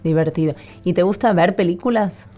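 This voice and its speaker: Woman, Rioplatense accent, radio host, low pitch, playful and encouraging with a child guest. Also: fairly quick, dark tone, faint music behind. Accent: Rioplatense Spanish.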